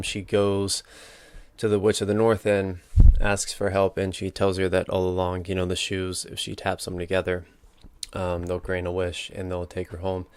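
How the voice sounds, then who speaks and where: A lowish, smooth male voice with a flat, even delivery, hosting a casual solo talk about a book. He thinks aloud, hesitating and correcting himself along the way. The sound is dry and close on a battery-powered microphone. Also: dry recording. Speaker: podcast host.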